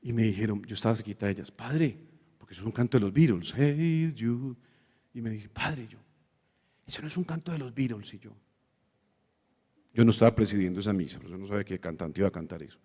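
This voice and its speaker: A man, a priest, giving an animated talk on the liturgy and breaking into snatches of hymns. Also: on the low side, fast talker, slightly rough. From Colombia. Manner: animated, sings snatches of hymns and acts out quotes. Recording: long hall reverb.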